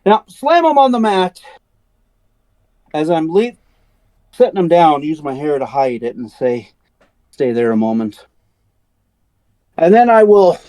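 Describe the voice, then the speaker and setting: A man's voice: a little high, mellow, no room sound. A man playing a tabletop wrestling game, eagerly planning his character's moves aloud. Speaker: player.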